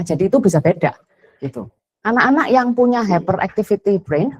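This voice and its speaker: A woman's voice: medium pitch, darkish tone. A woman, giving a chatty parenting talk and slipping into English phrases. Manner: chatty, mixes English phrases, acts out quotes. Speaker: parenting educator.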